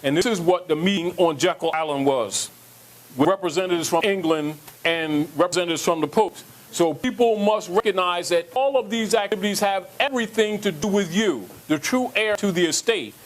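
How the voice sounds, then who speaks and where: A man's voice: high-pitched, normal speed, poor audio. A man giving an emphatic lecture to an audience, repeating points and asking rhetorical questions.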